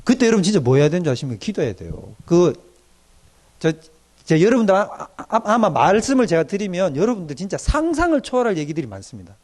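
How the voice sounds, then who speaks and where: A man's voice: sits high, fast talker. A middle-aged male pastor, preaching a doctrine lecture and acting out the voices of young people he has counselled. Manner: animated, acts out quoted young people in dialect.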